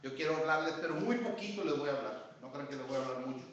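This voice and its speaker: A man's voice: a little high, animated, fast, a bit bright, very echoey. Man, sermon, earnest, addresses the congregation, distant, dull lo-fi live-stream sound. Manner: earnest, addressing the congregation directly, reading notes aloud. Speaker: preacher.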